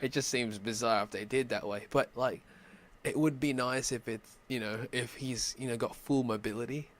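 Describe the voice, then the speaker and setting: A man co-hosting a podcast, chatting casually with slangy, animated interjections. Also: medium pitch, moderate pace. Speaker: podcast co-host.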